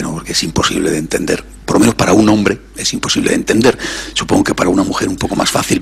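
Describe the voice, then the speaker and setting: A man, a priest, giving a reflective sermon, sometimes dropping to soft near-whispers and rising for emphasis. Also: medium pitch, creaky, slightly rough.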